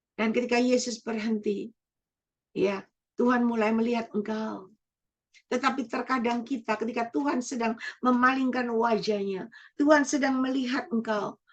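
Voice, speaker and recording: Higher-voiced woman preaching. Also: muffled recording. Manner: repetitive preaching, rises and drops in emphasis. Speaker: evangelist preacher. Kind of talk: sermon.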